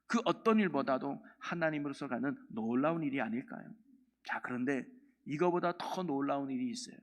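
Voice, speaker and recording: A man's voice: fairly high pitch, fairly bright tone. A man preaching a dawn prayer sermon as pastor, asking the congregation questions and reading scripture aloud. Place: church sanctuary. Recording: long church hall reverb.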